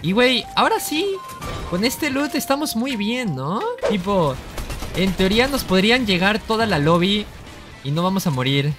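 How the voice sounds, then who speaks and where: A young man giving lively gameplay commentary, excitable and repeating his exclamations as he trash-talks opponents. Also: high-pitched, moderate pace. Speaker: gaming YouTuber. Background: background music.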